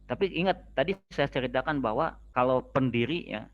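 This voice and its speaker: A man's voice: mid-range voice, moderate pace, lo-fi sound, faint music behind. A man with a Sundanese accent giving an informal lecture, explaining step by step and repeating key terms. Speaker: Islamic studies lecturer.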